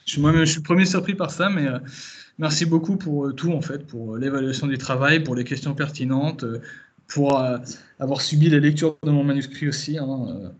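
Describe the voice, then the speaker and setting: A man's voice: on the high side, a little fast. A young man chatting casually on a remote call, with a joking, teasing, colloquial way of talking. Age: young adult. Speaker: newly qualified doctoral candidate thanking attendees. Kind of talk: casual chat. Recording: muffled video call audio, faint noise.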